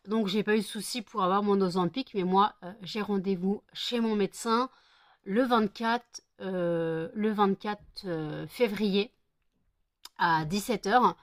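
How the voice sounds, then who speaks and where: A woman's voice: mid-range voice, measured pace, no echo. A woman vlogging casually, chatty and full of hesitations, who sounds tired. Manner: chatty, many hesitations, scolding pets affectionately. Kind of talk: casual vlog chat.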